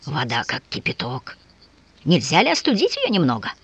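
A woman's voice: low voice, huge pitch swings, normal speed, gravelly, husky, no echo, lo-fi sound, full character voice. A woman voicing a joking, stubborn bearded old peasant man in an audiobook, teasing and boastful.

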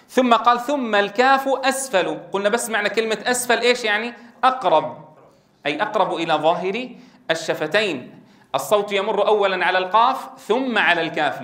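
A man's voice: sits high, pushed and bright, reverberant. A man teaching Quran recitation rules, explaining letter articulation and demonstrating sounds with repeated syllable drills. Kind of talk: tajweed lesson with spoken drills.

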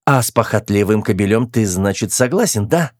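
Dude voicing a bossy stern girl, high and sharp, barks orders, dry sound. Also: lively intonation, a little fast, dry recording. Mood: mocking. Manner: sharp, commanding and mocking. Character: stern, bossy young woman crew member.

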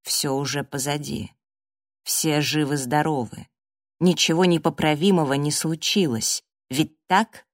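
A woman voicing a calm, guarded young man in an audiobook, measured and cold. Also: low voice, no echo, clean studio sound. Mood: cool.

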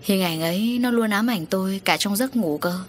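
A woman's voice: mid-range voice, moderate pace, slight background noise, close to an everyday voice. Audiobook: anguished guilty father, woman reader. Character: guilt-ridden older father, anguished and alarmed.

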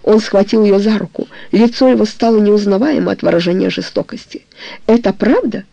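Gravelly, dark-voiced audiobook narrator. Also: mid-range voice, fairly quick, no echo. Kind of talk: literary novel reading. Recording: dull lo-fi recording.

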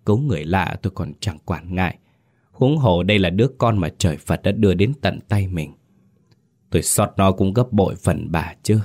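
A man voicing an older male village healer, grave and sorrowful, in a spoken ghost story. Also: deep voice.

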